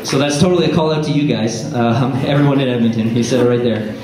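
A man in his thirties giving an informal, jokey, halting, self-deprecating stage talk as a science presenter. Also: mid-range voice, a loud crowd. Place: theatre stage before an audience. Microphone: handheld microphone. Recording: echoey theatre PA with audience noise.

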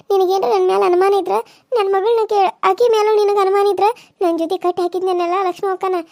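A wronged young village wife from a cartoon serial, voiced by a woman, pleading in a very high, quick voice. She speaks with a North Karnataka Kannada accent and sounds aggrieved and close to tears.

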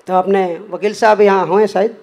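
A man's voice: high-pitched, steady tone, moderate pace, a little mellow. A man giving an earnest spoken testimony as a devotee, acting out the dialogue he quotes. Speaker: devotee sharing a personal experience.

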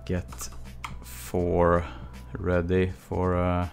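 Extremely slow and low, with vocal fry, a Swedish texturing instructor in his thirties talks over faint background music during a live stream from his small home studio. He has a Swedish accent and uses a desk mic with webcam. He's relaxed and chatty, answering viewer chat between long silences.

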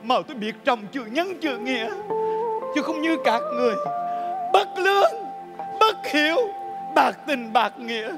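An indignant old servant. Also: male voice, extremely high pitch, moderate pace, loud music behind the voice. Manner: tearful, indignant declaiming. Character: loyal old male servant, proud and wounded. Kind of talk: stage comedy sketch acting.

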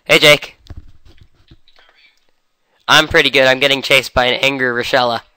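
A young man with a cold, chatting excitedly through a game session. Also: mid-range voice, moderate pace, clear, resonant tone, no room sound. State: has a cold. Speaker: gamer. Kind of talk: casual game commentary.

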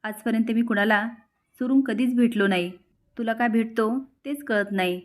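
A woman's voice: on the high side, moderate pace, natural voice. Woman reading as an earnest young company boss. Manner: earnest, coaxing. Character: gentle young male company head, pleading.

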